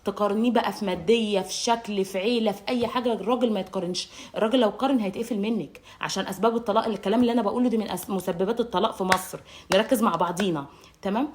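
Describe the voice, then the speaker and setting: A woman with an Egyptian accent giving marriage advice straight to camera, brisk and emphatic, scolding while calling the viewer darling. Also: mid-range voice, darkish tone, a little hiss or hum. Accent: Egyptian Arabic. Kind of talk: direct-to-camera advice monologue.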